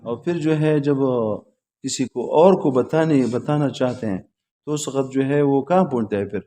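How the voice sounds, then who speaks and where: A man lecturing on logic to a class at a religious school. His voice is dark and mellow. He keeps asking the students questions, waits for their answers and repeats them back patiently, going over each point more than once. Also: medium pitch. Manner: patient, repetitive explaining.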